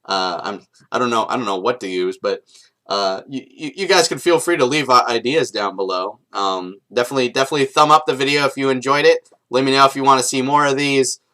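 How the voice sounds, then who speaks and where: A young man chatting to camera in a casual vlog. He rambles, restarts sentences, and swears freely. His pitch sits in the ordinary middle range for a man. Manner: profane, swings from shouting rant to mumbling asides; halting, many restarts and fillers. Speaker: vlogger.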